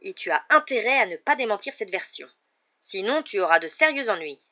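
A reader voicing a fat, bullying middle-aged uncle who shouts sternly and menacingly, in a dull lo-fi recording. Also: medium pitch, sing-song, a little fast, natural voice. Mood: furious.

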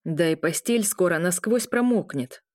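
A woman's voice: on the low side, lively intonation, moderate pace, dry recording, studio quality, lightly acted. A woman voicing an injured, cocky young man who groans and complains of pain.

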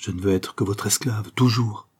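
A man's voice: fairly low pitch, fairly even intonation, moderate pace, husky. A man reading a novel aloud, voicing an eager young sailor who has become a writer. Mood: tender. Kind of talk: audiobook character reading.

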